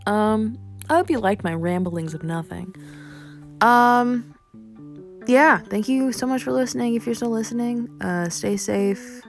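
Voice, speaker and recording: A woman's voice: fairly high pitch, unhurried, creaky, faint music behind. A young woman hosting a casual solo podcast, rambling with lots of fillers and casual swearing. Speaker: podcast host.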